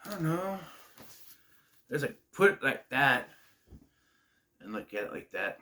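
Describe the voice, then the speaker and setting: The host of a wrestling review channel rambles through a casual vlog intro from his room at home, where the sound is echoey. He's getting over a cold, so he sounds slightly nasal and clears his throat, but he stays chatty, interrupting himself with lively pitch swings at a measured pace.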